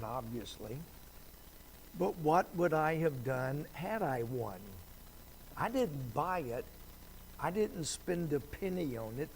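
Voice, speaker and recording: Man preaching sunday school, slow and chatty, kinda high voice, little sarcastic. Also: darkish tone, a little hiss or hum, poor audio. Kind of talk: Bible teaching sermon.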